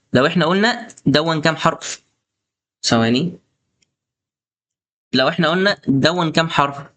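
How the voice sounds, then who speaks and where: A man's voice: mid-range voice, a bit bright. A young man with an Egyptian Arabic accent teaching a coding lesson in a chatty, coaxing way, often talking straight to the viewer. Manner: chatty, coaxing, addresses viewer as "boss" and "star". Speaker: programming instructor. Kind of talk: screen-recorded coding tutorial.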